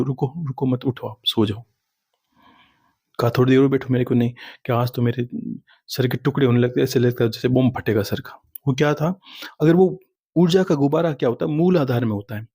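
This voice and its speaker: Man, spiritual teacher, husky voice, calm storytelling discourse, mid pitch. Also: no room sound, studio quality. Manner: calm storytelling, answers followers' questions.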